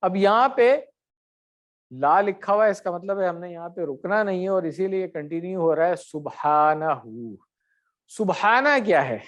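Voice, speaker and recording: A middle-aged man teaching Arabic grammar in an online class, correcting and quizzing his students by name. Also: high voice.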